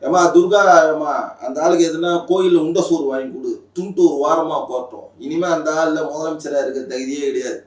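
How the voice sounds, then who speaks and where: A man's voice: fairly high pitch, a little fast, echoey room, far from the mic. A man giving a heated, mocking political rant, talking with angry emphasis. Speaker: political commentator.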